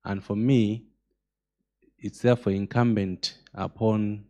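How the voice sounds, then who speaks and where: Deep, slow, hesitant male judge. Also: little pitch movement, dark tone. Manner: hesitant, measured. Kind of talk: conference panel answer.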